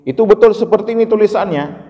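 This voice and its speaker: A man's voice: high voice, dark tone, lo-fi sound. Patient male recitation teacher in a reverberant hall. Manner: patient, explains, then chants each word slowly as a model. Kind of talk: step-by-step recitation lesson.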